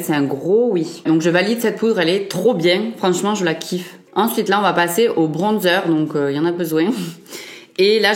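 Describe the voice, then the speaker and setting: A young woman vlogger chatting casually through a makeup review, with frequent fillers and self-corrections. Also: lowish voice. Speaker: beauty vlogger.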